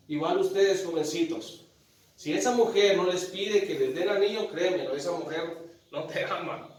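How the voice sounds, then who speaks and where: Animated preacher in an echoey church. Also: male voice, fairly high pitch. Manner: animated, addresses congregation directly, tells a joke story. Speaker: pastor. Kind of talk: sermon. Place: large church hall. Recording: very echoey church hall, mic at a distance.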